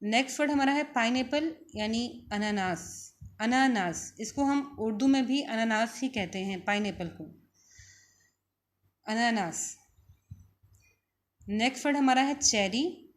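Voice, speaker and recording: Slow Pakistani woman teaching vocabulary. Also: fairly high pitch. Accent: Pakistani Urdu. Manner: slow, repeats each word for students. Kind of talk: recorded vocabulary lesson.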